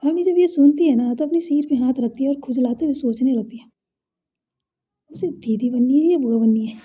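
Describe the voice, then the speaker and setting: Female storyteller, casual serial narration; very husky, dark and mellow. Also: sits high, moderate pace. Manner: conversational, warm-hearted retelling with asides.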